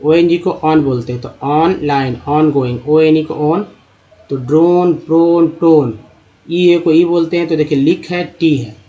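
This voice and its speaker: A man teaching English reading in a phonics lesson, spelling out letters and sounding out each word part slowly. His voice sits a little high. The recording is dull and lo-fi. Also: warm tone. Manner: addresses viewers as friends. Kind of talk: spoken Hindi phonics lesson.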